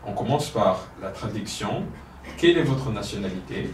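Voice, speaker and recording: A French teacher runs a language drill, patiently prompting and confirming each answer in an expressive, lowish voice at normal speed. He's picked up by a distant mic in an echoey, roomy space with a faint hiss in the background.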